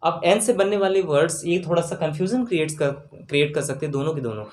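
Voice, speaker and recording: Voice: mid-range voice, animated, quick pace, darkish tone. A grammar teacher giving an exam-prep lecture, spelling out words letter by letter and often checking in with the class. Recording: roomy room with faint background noise.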